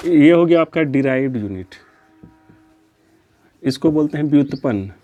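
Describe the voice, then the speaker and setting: A man's voice: on the high side, normal speed, muffled recording. A man teaching a physics lesson in a lecture style, asking questions and answering them himself, repeating key terms as a drill. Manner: steady, explanatory, drills terms.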